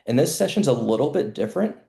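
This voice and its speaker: A man hosting a webinar panel as an educational consultant, explaining things in a measured way over a video call. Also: mid-range voice, very animated, gravelly, warm tone, roomy sound. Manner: measured, explanatory, some restarts.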